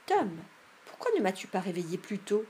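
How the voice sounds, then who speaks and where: A woman's voice: medium pitch, big pitch swings, moderate pace, a little mellow, slight background noise, natural voice. A woman reading a storybook voices an anxious younger brother, urgent and pleading.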